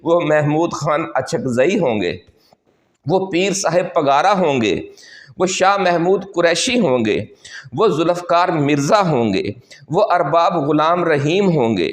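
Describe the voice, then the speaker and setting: A man delivering a political commentary monologue to viewers. He talks rhetorically, recites a line of verse and lists long runs of names in a steady cadence. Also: fairly high pitch, echoey room.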